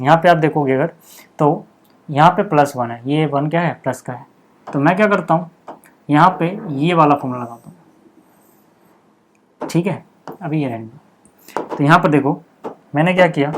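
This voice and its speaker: A man teaching a maths lesson step by step, checking in constantly with "okay" and repeating the key steps slowly. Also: a little high.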